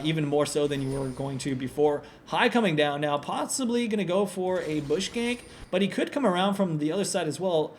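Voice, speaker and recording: Male solo game caster, slightly high voice, relaxed analytical play-by-play, lots of fillers, faint noise on the recording. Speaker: esports commentator.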